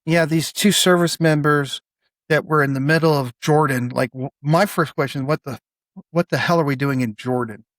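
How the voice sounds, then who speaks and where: A man co-hosting a podcast in a casual political debate, talking excitably, swearing and stumbling over restarts. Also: fairly high pitch, moderate pace, dry recording. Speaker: podcast co-host.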